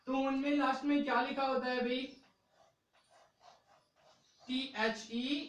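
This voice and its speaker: A man's voice: extremely high pitch, little pitch movement, a little slow, a bit bright, far from the mic. A man teaching an English grammar lesson in a patient, repetitive classroom manner, often adding little check-ins. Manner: patient, repetitive, ends phrases with "okay" and "brother". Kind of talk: classroom-style video lesson. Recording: very echoey room, voice from off mic.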